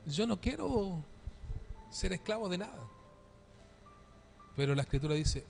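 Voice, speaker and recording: Pastor, male, high-pitched, dynamic preacher asking questions, faint music behind. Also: fairly bright tone. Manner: dynamic preaching, calls for amen, rhetorical questions. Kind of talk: sermon. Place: church.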